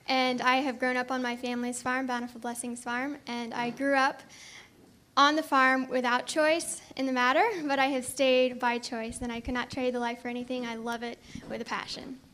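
A woman in her twenties with a high, steady voice introduces herself, speaking with earnest sincerity. Faint hiss sits under the recording. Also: normal speed. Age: 20s. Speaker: panelist, farm daughter.

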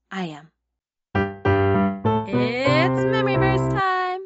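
A woman's voice: mid-range voice, no echo. A woman teaching a children's Bible lesson like a Sunday school teacher, speaking simply to young listeners and asking them easy questions. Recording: dull lo-fi sound, faint music.

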